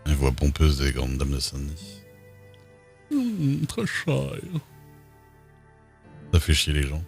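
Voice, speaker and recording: A man's voice: very deep voice, level tone, brisk, darkish tone, soft background music. A man chatting casually while streaming a game, laid-back and hesitant, often stopping on fillers. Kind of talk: casual gameplay chat.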